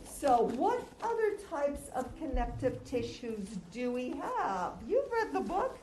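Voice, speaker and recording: In a roomy, echoing space with some background noise, a woman teaches a class through a face mask. Her voice sits a little high and sounds slightly muffled. She lectures conversationally, often asking a question and then answering it herself. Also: sing-song, slow, darkish tone. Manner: conversational, quizzing listeners with questions and answering them. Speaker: lecturer teaching anatomy and histology. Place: lecture room, recorded as audio.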